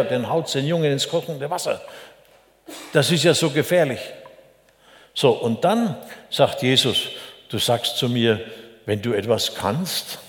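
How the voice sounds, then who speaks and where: An older man preaching a sermon in a chatty, folksy way, with frequent tag questions to his listeners. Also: a little high. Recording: echoey hall with long reverb.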